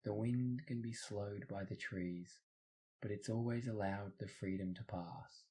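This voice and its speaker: With a fairly low voice and a very relaxed, mellow tone, a man soothingly reads a scripted guided meditation at a measured pace. He walks the listener through it one step at a time.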